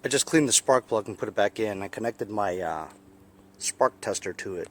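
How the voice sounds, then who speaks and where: A man's voice: fairly low pitch, moderate pace. A middle-aged man hosting a casual repair video in a sunny backyard, explaining each step in a chatty way and often asking "right?". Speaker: small-engine repair video host. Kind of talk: casual hands-on repair walkthrough. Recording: outdoor background noise.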